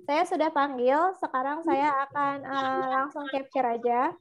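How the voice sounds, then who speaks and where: A woman with a high, light voice teaches English over a video call. She talks briskly and encouragingly, switching between explanation and calling on students. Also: fairly even intonation. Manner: brisk, encouraging, calls out names. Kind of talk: online class mixing English and Indonesian.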